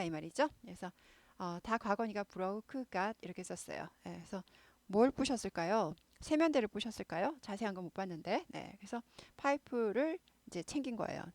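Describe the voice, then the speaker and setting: A woman teaches English to Korean learners and walks through a news story one phrase at a time. She repeats words over and over and slows right down for the English phrases. Her voice sits in a middle range, recorded dry and close. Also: mid-range voice, no room sound.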